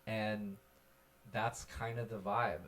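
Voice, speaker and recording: A man co-hosting a casual chat stream, talking in an animated, rambling way with many fillers. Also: fairly low pitch, slow. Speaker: podcast co-host.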